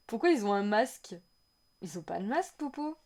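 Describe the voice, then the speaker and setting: A woman streaming a casual reaction to a game trailer, chatting with her viewers and reading their messages aloud in an excitable, rambling way. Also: medium pitch.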